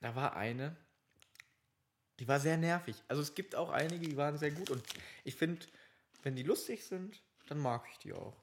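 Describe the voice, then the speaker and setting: A man's voice: fairly high pitch, normal speed, slight background noise. A young man co-hosting a podcast, chatting casually, rambling, restarting his sentences and laughing often. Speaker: podcast co-host. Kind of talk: casual banter.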